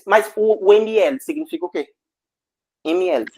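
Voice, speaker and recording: A man teaching a physics class online, energetic and jokey, full of slang and check-ins with the students. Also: high-pitched, measured pace, slightly rough.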